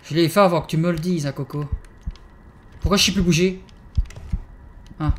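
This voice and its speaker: A young man hosting a horror game let's play, excitable and swearing, yelping in fright and then muttering to himself. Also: a little high, moderate pace, a little hiss or hum. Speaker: gaming channel host.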